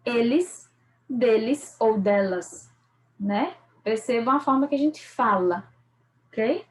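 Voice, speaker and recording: A woman teaches slowly, taking her time over every word. Her voice sits a little high, and she often pauses to check that her students follow. It is a patient review lesson talked over slides. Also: darkish tone, low-quality recording. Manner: patient, repeats and checks with "certo?" and "ok?". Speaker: English teacher.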